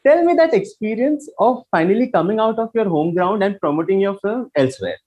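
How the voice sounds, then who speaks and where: Lively high-pitched Indian male interviewer. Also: fairly quick. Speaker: interview host. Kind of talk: conversational entertainment interview.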